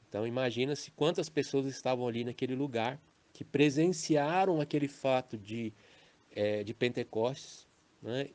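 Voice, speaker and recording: A Brazilian Portuguese man delivers a recorded lesson on preaching in a warm, mellow voice. He speaks in a measured, explanatory way. He often checks in with the listener with a quick questioning tag. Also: medium pitch. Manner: measured, explanatory, with frequent "né" and "tá" tags. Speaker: preacher teaching a formation course. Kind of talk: recorded teaching audio. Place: home recording for a messaging app.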